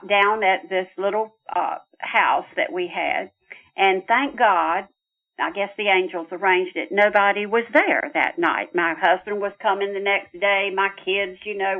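Earnest woman storyteller on a phone line. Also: medium pitch. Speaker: guest spiritual counselor. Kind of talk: personal storytelling in an interview.

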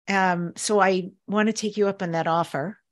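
A woman's voice: medium pitch, steady tone, normal speed. A woman speaking conversationally as the host of a podcast interview.

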